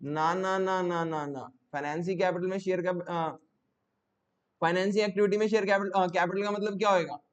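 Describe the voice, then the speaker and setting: A man's voice: sits high, steady tone, brisk, smooth. A male teacher giving a classroom lecture, repeating each question to his students and coaxing answers out of them. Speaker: commerce teacher.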